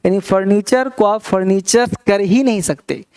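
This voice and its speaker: A middle-aged man teaching English grammar in a classroom, who keeps asking quick questions and mixes in English terms. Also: sits high, darkish tone, smooth. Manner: coaxing, asks many quick questions. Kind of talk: classroom lecture.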